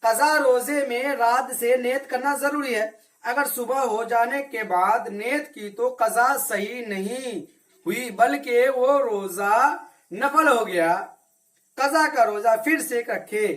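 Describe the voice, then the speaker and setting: A man's voice: extremely high pitch, a bit bright. Man teaching kids a reading lesson. Patient and repetitive, quizzes his class and answers for them. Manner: asks questions and answers them himself; slow, repetitive drilling. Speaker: religious teacher. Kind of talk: Arabic reading lesson for children.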